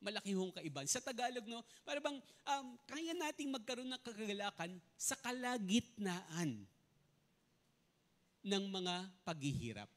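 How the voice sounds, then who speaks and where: High, lively-voiced male pastor preaching. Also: unhurried. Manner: mixes in English, asks the congregation questions often. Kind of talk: sermon.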